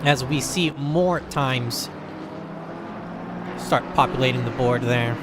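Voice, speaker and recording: Over loud engine noise from the game, an American man chats casually as a commentator for a sim racing qualifying session. He speaks slowly in a medium-pitched voice.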